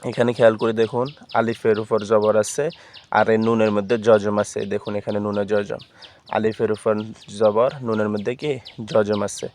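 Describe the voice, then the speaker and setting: Low, flat-voiced man teaching recitation. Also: moderate pace, slight background noise. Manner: patient, spells out letters and vowel marks, then chants the syllables. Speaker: Quran reading teacher. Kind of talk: step-by-step recitation lesson.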